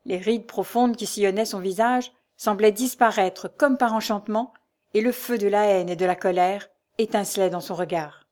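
A woman reading a nineteenth-century novel aloud with measured, expressive narration. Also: medium pitch. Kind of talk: literary audiobook narration.

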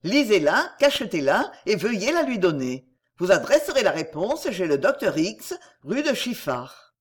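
A woman reading the lines of an earnest, stern young gentleman in an audiobook. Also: mid-range voice, big pitch swings, normal speed, breathy edge. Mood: resolved. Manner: earnest, firm.

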